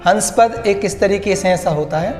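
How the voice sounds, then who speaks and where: A man explains a grammar lesson and keeps repeating key words back to his students as questions. His voice sits high, and it rings in a roomy, echoing space with faint music behind it. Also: normal speed, a little mellow. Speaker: teacher. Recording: echoey room with faint music.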